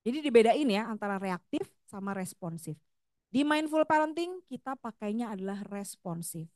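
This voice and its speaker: A woman's voice: mid-range voice, normal speed, dry recording, clean studio sound. A middle-aged woman psychologist giving a seminar talk on parenting, acting out what parents and children say. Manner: animated, acts out parent and child quotes.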